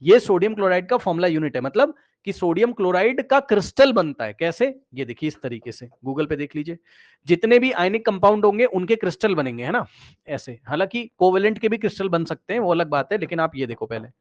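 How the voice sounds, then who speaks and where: A man with a fairly high voice explains chemistry in a loose, conversational way, repeating phrases and checking that his students follow. He often drops his voice lower as he points things out on screen. The recording sounds slightly dull and lo-fi. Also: very animated, quick pace. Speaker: chemistry teacher. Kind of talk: casual classroom explanation.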